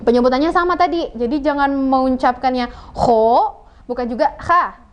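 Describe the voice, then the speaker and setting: A woman teaching Quran recitation on a television program, patiently explaining and repeating sounds slowly for learners. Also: high-pitched, darkish tone. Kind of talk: televised religious lesson.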